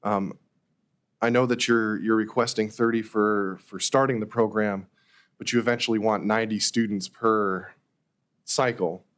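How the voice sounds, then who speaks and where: A man with a slightly hoarse voice, formally asking questions at a public meeting as a board member, often rephrasing as he goes. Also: fairly low pitch, fairly even intonation, moderate pace. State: slightly hoarse, losing his voice.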